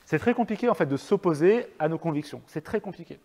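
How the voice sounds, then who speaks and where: A man's voice: a little high, lively intonation, fast talker, a little mellow. A French man giving a public talk to an audience, chatty and hesitant with many fillers and restarts. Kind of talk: lecture with audience questions. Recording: long reverb of a hall.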